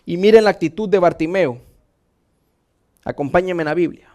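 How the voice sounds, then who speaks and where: A male pastor preaching a sermon in a church, swinging from loud calls to hushed, slow emphasis. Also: high voice. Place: church sanctuary.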